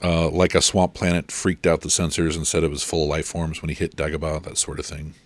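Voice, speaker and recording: A man acting as game master, talking haltingly and reading rules aloud with many fillers. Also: a bass voice, monotone. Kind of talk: running a tabletop game over a call.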